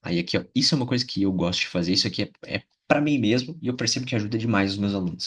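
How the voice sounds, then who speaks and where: A young man with a Brazilian Portuguese accent teaching in a loose, chatty way. His voice sits a little low and has a husky grain. He keeps checking in with the listener as he explains. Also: a bit bright. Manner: chatty, repeats short phrases, checks in with "né?" and "tá?". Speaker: English teacher. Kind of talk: casual spoken lesson.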